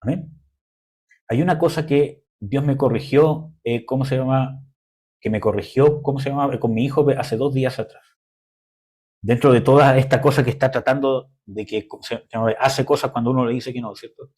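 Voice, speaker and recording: A young man delivers a sermon in a loose, conversational way, stopping now and then to search for words. His voice sounds husky and a little breathy, at a middle pitch. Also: fairly even intonation, normal speed, darkish tone. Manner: conversational preaching, frequent "¿cómo se llama?" fillers. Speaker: preacher.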